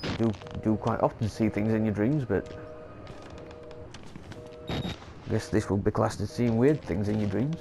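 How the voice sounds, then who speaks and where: Stuffy from a cold, a male gameplay commentator talks casually over a horror game and trips over long words when reading notes aloud. His voice is fairly low, unhurried and creaky, with frequent pauses, and music plays underneath.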